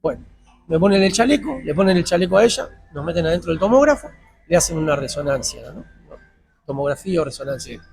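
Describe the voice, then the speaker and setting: Argentine man, father telling an emotional story, high gravelly voice, replays the dialogue. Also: lively intonation, quick pace, darkish tone, soft background music. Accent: Argentine Spanish. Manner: retells dialogue in quoted voices, tense. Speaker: interviewee, father. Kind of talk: emotional personal account.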